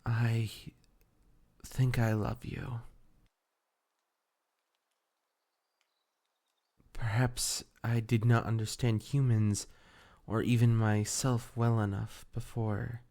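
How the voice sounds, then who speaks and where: Here a man voices a devoted, ancient fey familiar spirit for an intimate roleplay audio, his speech formal, tender, and measured with archaic wording. The voice is mid-range, mellow, and level, carrying a tender, loving mood.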